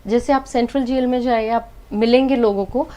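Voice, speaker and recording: A woman's voice: on the high side, fairly even intonation, fairly quick, dark tone. A woman, a doctor as interview guest, giving earnest advice and mixing Hindi with English phrases.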